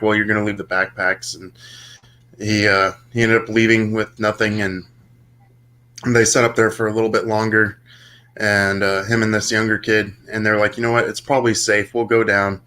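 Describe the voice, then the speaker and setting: A man's voice: lowish voice, bright, forceful tone. A young man casually telling a long story on a podcast, rambling with many fillers and restarts. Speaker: podcast co-host.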